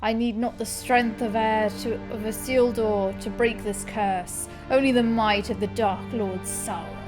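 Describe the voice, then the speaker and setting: Woman playing a haughty undead lord, measured delivery. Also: fairly high pitch, fairly even intonation, over music, close to an everyday voice. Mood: commanding. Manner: imperious, formal delivery. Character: haughty undead heir, commanding servant of a dark lord. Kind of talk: character voice in a game read-aloud.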